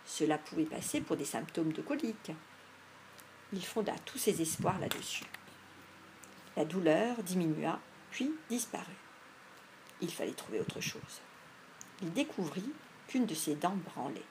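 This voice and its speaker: A woman narrating an audiobook in a measured, expressive storytelling manner. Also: lowish voice, background noise. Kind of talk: audiobook reading.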